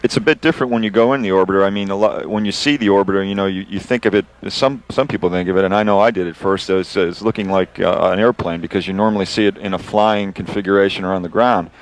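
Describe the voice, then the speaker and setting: A man's voice: deep voice, quick pace, hardly any pauses, poor audio. A man, an astronaut, explaining procedures in informal, conversational live commentary as a guest.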